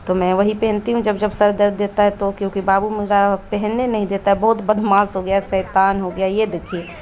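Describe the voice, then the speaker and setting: A woman's voice: medium pitch, flat delivery, darkish tone, a little hiss or hum. Chatty woman vlogging at home. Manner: chatty, often pauses to search for a word. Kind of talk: casual vlog narration. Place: home in an Indian village.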